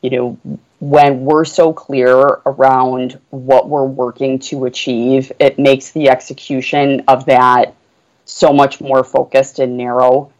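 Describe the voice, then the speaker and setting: Extremely low in pitch, her delivery is flat and slow, with a darkish tone and the highs cut off. The woman is a portfolio manager guesting on a business podcast, speaking about her work in an earnest, enthusiastic way full of "you know" fillers.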